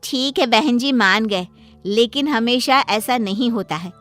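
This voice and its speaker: A woman voicing a nosy, preachy middle-aged neighbor in a cartoon story, with soft music behind. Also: a little high, a little slow. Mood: lecturing. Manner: meddling, lecturing. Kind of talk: cartoon voice acting.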